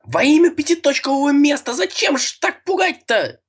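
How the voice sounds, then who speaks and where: Frantic pony stallion, shrill squeal, yelling, high, loud, odd tone. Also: male voice, big pitch swings, moderate pace.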